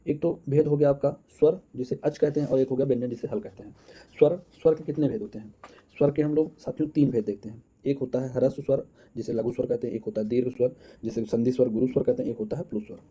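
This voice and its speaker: A man's voice: mid-range voice, brisk, mellow, husky. A man teaching an exam-prep lesson, counting out answers aloud and calling his viewers friends.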